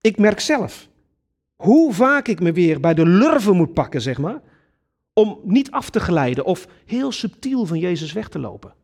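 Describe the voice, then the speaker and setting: A man's voice: sits high, measured pace. A man preaching a sermon, earnest and emphatic, addressing his congregation directly. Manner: earnest, lively preaching with sudden emphatic rises.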